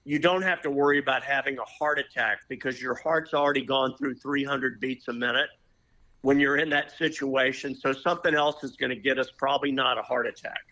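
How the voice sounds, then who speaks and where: A man's voice: mid-range voice, fairly even intonation, brisk, bright, forceful tone, muffled recording. An older man as a podcast guest, telling hunting stories with hearty enthusiasm. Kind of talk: casual interview chat.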